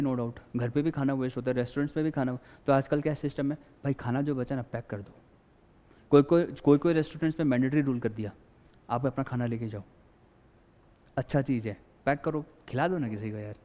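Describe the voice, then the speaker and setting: A man's voice: medium pitch, dark tone. Chatty male teacher in a reverberant hall. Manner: chatty, mixes Hindi with English, acts out little scenes. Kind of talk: classroom lecture. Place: classroom.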